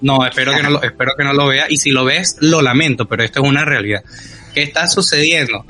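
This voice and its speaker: A man's voice: mid-range voice, quick pace, pushed and bright, soft background music. A Venezuelan man co-hosting a podcast, chatting animatedly and repeating words as he gets going. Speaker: podcast co-host. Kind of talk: casual chat.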